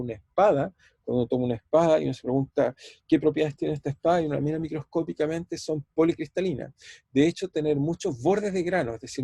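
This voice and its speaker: A man's voice: on the high side, dark tone, breathy edge, dry recording. A man teaching a university physics class over a video call, thinking aloud, repeating words and putting questions to his students. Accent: Chilean Spanish. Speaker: physics professor. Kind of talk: online university lecture.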